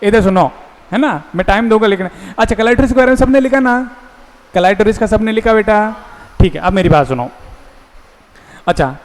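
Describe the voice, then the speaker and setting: Male lecturer, coaxing call-and-response style, smooth voice, long room reverb. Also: high voice, expressive, brisk, pauses often. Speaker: teacher. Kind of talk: classroom lecture. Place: classroom. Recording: echoey classroom hall.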